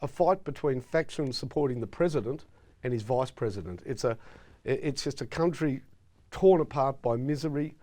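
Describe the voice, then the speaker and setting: A man's voice: medium pitch, normal speed, darkish tone. A middle-aged Australian man co-hosting a casual football chat show, opinionated and emphatic as he tells stories. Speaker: co-host.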